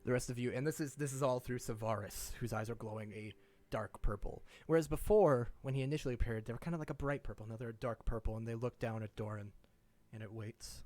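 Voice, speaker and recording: A man acting as game master, improvising descriptive narration with dramatic pauses. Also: medium pitch, darkish tone, no echo.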